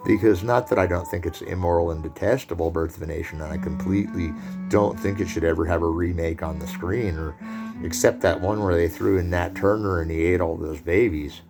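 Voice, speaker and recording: Gravelly low-voiced film lecturer. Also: male voice, fairly even intonation, fairly quick, music in the background. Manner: digressive, joking asides.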